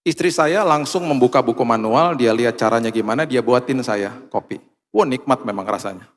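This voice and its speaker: A man's voice: mid-range voice, a little fast, long reverb tail. A man preaching as a pastor, telling a story with acted dialogue and then leading a fervent prayer. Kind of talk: sermon.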